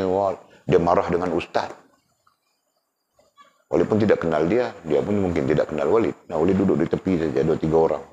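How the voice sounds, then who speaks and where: A man with a very low voice teaches a religious class. He talks in a conversational way and keeps checking in with his students through rhetorical questions. The recording is muffled and lo-fi. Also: a little mellow. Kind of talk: religious lesson. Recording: dull lo-fi recording.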